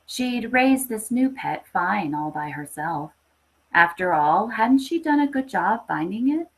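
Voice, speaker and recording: A woman who hosts a story podcast reads a story dramatically and then shifts to casual live hosting, sounding enthusiastic and chatty throughout. Her voice is medium-pitched, and the recording quality is low.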